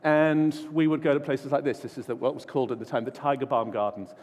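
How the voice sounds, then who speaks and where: A man's voice: mid-range voice, steady tone, fast talker, darkish tone. A man giving an informal, self-deprecating keynote talk full of stories at a large conference. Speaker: conference speaker. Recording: long hall reverb.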